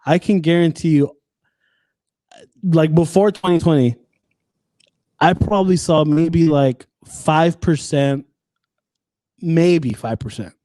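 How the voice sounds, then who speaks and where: A man's voice: on the high side, slow pace, long pauses, mellow, dry recording. A man in his twenties, a podcast guest in casual chat, rambling with many restarts and swearing freely. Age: 20s.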